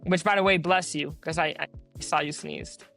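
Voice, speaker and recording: A man's voice: fairly high pitch, steady tone, moderate pace, bright, forceful tone, soft background music. A young man in his late teens, originally from the Netherlands, answering interview questions in an earnest, casual way with many fillers. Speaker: guest.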